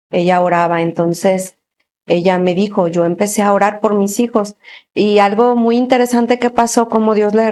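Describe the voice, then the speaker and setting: A woman gives a personal faith testimony as an interview guest, a lively storyteller who laughs often and fills her talk with little pauses. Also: mid-range voice.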